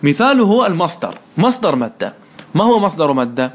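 A man's voice: a little high, big pitch swings, normal speed. A man teaching Arabic morphology one-on-one, patiently quizzing his student and praising the answers. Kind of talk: one-on-one lesson, question and answer.

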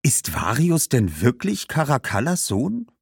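A woman's voice: extremely low pitch, huge pitch swings, a little slow, creaky, a little mellow, breathy edge, no echo, clean studio sound, pitched above the performer's own voice, full character voice. A man voicing Herodias, a weary Roman woman who meets news with disbelief. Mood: skeptical. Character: skeptical, weary Roman woman, quick to sigh.

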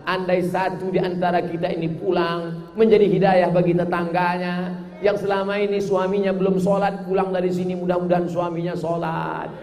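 A man preaching a sermon with humor, chanting verses and then explaining them, rising to shouted emphasis. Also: high voice, little pitch movement, normal speed. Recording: echoey hall, faint noise.

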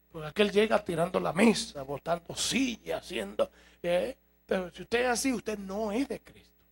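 Raspy, high-pitched preaching man. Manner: emphatic, rhetorical questions to congregation. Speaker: pastor. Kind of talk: sermon. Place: church.

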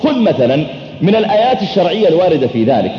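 A middle-aged male preacher giving a sermon, telling stories animatedly and acting out the dialogue. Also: high voice. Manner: animated, acts out dialogue, chants verses slowly. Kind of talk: sermon storytelling. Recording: echoey hall, dull lo-fi sound.

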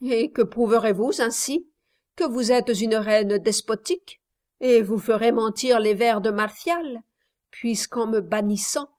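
A woman's voice: a little high, a little mellow, lightly acted. A woman reading the part of a blunt young man who speaks plainly and mockingly.

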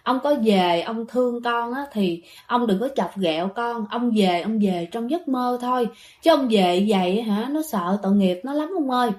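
A woman doing a hushed, pleading old mother. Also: a little high, lively intonation, moderate pace, reverberant, natural voice. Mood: pleading softly. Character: grieving elderly mother praying softly to her dead husband.

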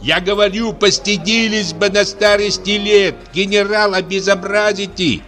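Man putting on a nagging old mother-in-law, shrill and high, scolds everybody. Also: sing-song, measured pace, a bit bright, faint music behind. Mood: scolding. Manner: shrill and reproachful.

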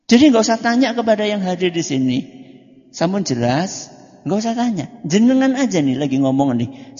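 A man preaching, his high voice rising and falling widely as he poses questions and answers them himself with humor. He talks slowly, shifting from loud to soft. The recording is dull and lo-fi, with a long reverb from the hall. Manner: swings between loud and soft delivery. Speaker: Islamic preacher. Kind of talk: religious study lecture.

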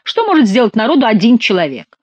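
A woman's voice: a little high, huge pitch swings, quick pace, darkish tone, no room sound, highs cut off, pitched above the performer's own voice. A woman voicing an indignant young male courtier who talks with bitter sarcasm.

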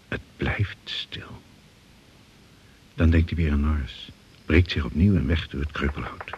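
A man narrating a radio play in short, measured sentences. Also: rumbling low, darkish tone, muffled recording, a little hiss or hum.

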